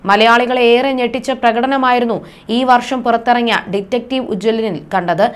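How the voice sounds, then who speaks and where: A woman narrating a scripted news report in a formal, even read-aloud manner. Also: on the high side, clear, resonant tone.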